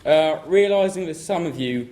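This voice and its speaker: A young man from England, speaking as the groom at his wedding reception, joking and then thanking family warmly. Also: fairly high pitch, lively intonation, normal speed. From southern England. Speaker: groom giving a wedding speech. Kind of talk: wedding speech to guests. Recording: loud crowd and noise at a reception. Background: laughing guests.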